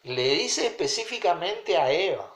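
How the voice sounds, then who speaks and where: A man's voice: sits high, big pitch swings, measured pace, fairly bright tone. A man, teaching a Bible study and checking in with his listeners often. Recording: roomy echo.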